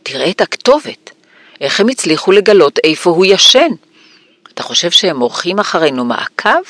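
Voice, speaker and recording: A man doing a shrill, fretful aunt. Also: expressive, a bit bright, no room sound. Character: nervous, shrill middle-aged aunt.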